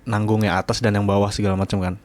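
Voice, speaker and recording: A man's voice: on the low side, little pitch movement, fast, darkish tone. A man in his twenties hosting a podcast, chatting casually late at night in a laid-back, slangy way. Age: 20s. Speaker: podcast host.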